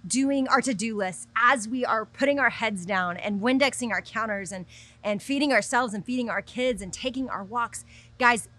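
A woman's voice: on the high side, moderate pace, bright, forceful tone. A middle-aged woman hosting a podcast, teaching from the Bible in a candid, conversational devotional talk with light laughs.

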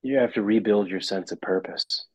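A man, a therapist on a podcast, explaining ideas in a measured way with some fillers and restarts. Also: lowish voice, slightly rough, dry recording, rough recording. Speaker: therapist guest. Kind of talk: interview answers.

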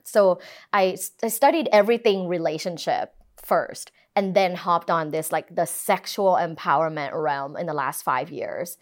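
A woman's voice: on the low side, moderate pace. A woman from Thailand talking candidly as a guest relationship expert in a casual podcast chat, full of "like" fillers.

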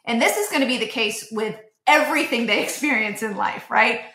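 A woman's voice: fairly high pitch, fairly quick, a bit bright, reverberant. A woman in her thirties, a podcast guest telling a family story in casual chat and acting out the dialogue she quotes.

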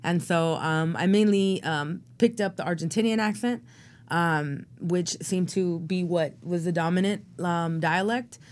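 An actor and playwright appears as a guest on an interview podcast, her voice somewhat low and her pace measured. She rambles reflectively, and her speech is full of fillers.

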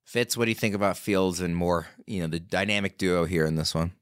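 A man's voice: low-pitched, a little fast, smooth, no room sound, clean studio sound. A man hosting a fantasy football podcast, chatting casually and moving the show along with upbeat energy. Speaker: podcast host. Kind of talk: casual sports chat and host-read ads.

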